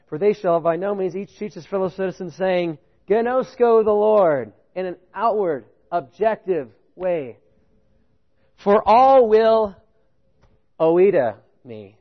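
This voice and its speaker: A man preaching a sermon, animated, often stopping to ask the congregation "right?". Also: measured pace, dull audio. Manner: animated, rising pitch on key points, chuckles, asks "right?". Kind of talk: sermon with audience participation.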